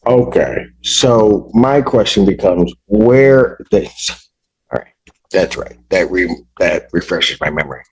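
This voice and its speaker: A man serving as a judge, speaking from the bench in a courtroom recording, halting and restarting his sentences as he grows exasperated. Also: deep voice, animated, husky, poor audio.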